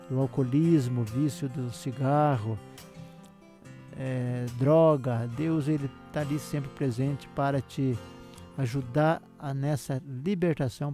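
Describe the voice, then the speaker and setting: A man from Brazil hosting a religious radio program, addressing listeners with a warm pastoral manner. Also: mid-range voice. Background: soft guitar music.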